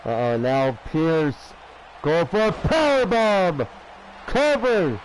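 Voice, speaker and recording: A male wrestling commentator with a high-set voice gives play-by-play at an unhurried pace. He speaks haltingly, restarting phrases, over a noisy background. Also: big pitch swings. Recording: clear background noise.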